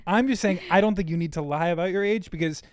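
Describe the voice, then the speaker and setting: A man co-hosting a podcast, talking in a measured, casual way with dry teasing, on a studio mic. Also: high-pitched, crowd noise. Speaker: podcast co-host. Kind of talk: casual chat.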